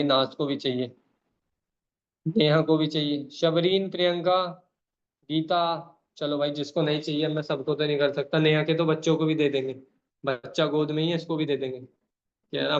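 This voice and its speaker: A man hosting an online meeting over a video call, calling out names and urging people on in an emphatic, repetitive way. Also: a little high. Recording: dull lo-fi call audio.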